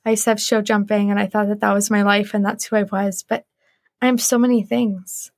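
A woman's voice: mid-range voice, level tone, fairly quick, no room sound, studio quality. A young woman hosting a podcast, talking casually and earnestly in an encouraging way, with a lot of "like". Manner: earnest, encouraging, uses 'like' often. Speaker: podcast host. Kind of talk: casual solo podcast talk.

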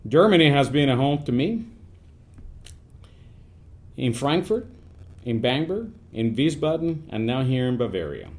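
A man, speaking as an Army command sergeant major guest in an upbeat, animated podcast interview. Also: medium pitch. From Puerto Rico. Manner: upbeat, animated, speeds up and slows down.

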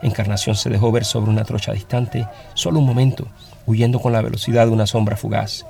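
A man reading a story aloud as narrator, in a steady, dramatic storytelling manner. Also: on the low side, fairly quick, vocal fry.

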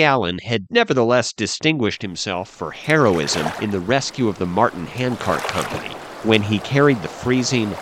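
A man narrating a dark history tale in a measured, suspenseful way. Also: lowish voice. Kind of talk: dramatic history storytelling. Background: faint music.

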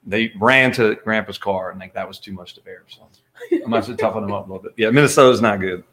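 Fast-talking joking man. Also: fairly low pitch, fairly bright tone. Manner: joking, laughing, uses "like" a lot. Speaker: panel guest. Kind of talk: casual panel chat.

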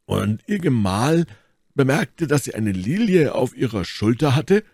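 A man voicing an excitable young musketeer in an audiobook reading, exclaiming in a raised voice. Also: medium pitch, unhurried, breathy edge, dry recording, studio quality, pitched above the performer's own voice, heavily acted. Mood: eager.

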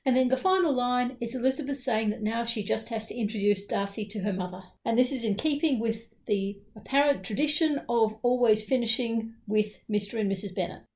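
This female co-host of a book podcast keeps the conversation casual, chatty, and opinionated, leaning on emphatic repeats. Her slightly mellow voice is on the high side, a little fast, with hardly any pauses.

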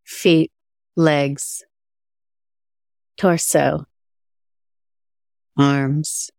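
A woman with a scratchy voice guiding a slow body-scan meditation in a calm, spacious manner. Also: sits low, gravelly, dry recording, studio quality. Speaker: meditation guide.

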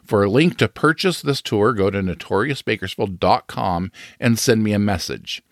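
A man's voice: lowish voice, normal speed, no room sound, studio quality. A man hosting a podcast, reading a scripted true crime narration.

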